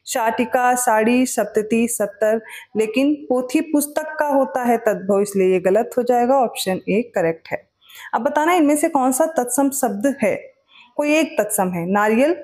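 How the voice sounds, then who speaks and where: A woman with a high voice works through exam answers as a teacher. She moves at a brisk clip and keeps asking her students questions before she answers them herself. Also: a little mellow.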